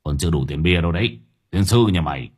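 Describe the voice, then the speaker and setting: A man voicing a gruff older male gangster bar owner who curses coarsely. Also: sits low, animated, moderate pace, pitched below the performer's own voice. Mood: scornful. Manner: coarse, cursing, growling.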